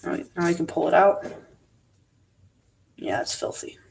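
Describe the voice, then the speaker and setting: A man hosting a live stream, talking low-key to himself as he works on a model. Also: lively intonation, normal speed, gravelly. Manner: low-key, muttering to himself while working. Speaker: livestream host. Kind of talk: live-stream commentary while working on a model. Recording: voice a bit distant from the mic.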